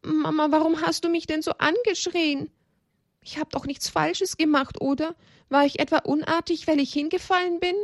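A woman's voice: high-pitched, lively intonation, measured pace, dry recording, studio quality, voice pushed up. A woman voicing a small, timid young animal boy in a children's storybook, pleading and tearful.

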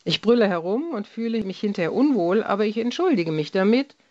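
A woman's voice: mid-range voice, lively intonation, brisk, dark tone, lo-fi sound. A middle-aged woman speaking as a guest on a broadcast, earnestly explaining and appealing directly to listeners.

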